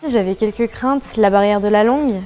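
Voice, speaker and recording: A woman's voice: medium pitch, fairly quick, mellow, faint music behind. A young woman, an apprentice at a truck maker, speaking hesitantly with fillers.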